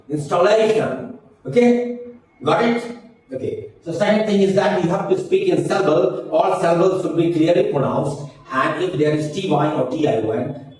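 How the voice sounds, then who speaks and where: An older man gives an English lesson in a fairly high voice, taking his time over every word. He repeats example words patiently and switches freely between English and Hindi. The sound is very echoey, with the mic well away from him. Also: darkish tone, slight background noise. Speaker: English teacher. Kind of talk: classroom spoken-English lesson. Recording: very echoey room, mic far off.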